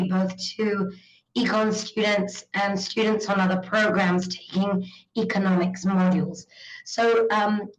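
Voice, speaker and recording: A woman with a hoarse, croaky frog voice from a cold, giving an informal online academic presentation. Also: mid-range voice. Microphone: video call. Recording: roomy, echoey video call audio.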